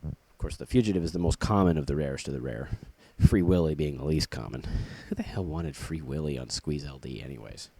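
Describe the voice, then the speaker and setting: A man's voice: a bass voice, fairly quick, vocal fry, warm tone, husky. A man casually showing off his laserdisc collection, jokey and rambling, with puns and asides. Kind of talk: casual show-and-tell vlog.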